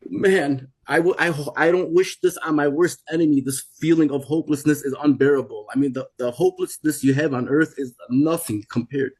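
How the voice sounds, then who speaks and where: A man's voice: on the high side, darkish tone, husky. A middle-aged man giving an intense, emphatic personal testimony, often restarting his sentences. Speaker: testimony speaker.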